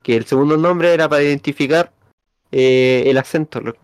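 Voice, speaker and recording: Chilean man, podcast co-host, rambling, stumbles reading aloud, mid-pitched, dry close sound. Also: fairly quick, clear, resonant tone, dry recording. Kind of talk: casual chat.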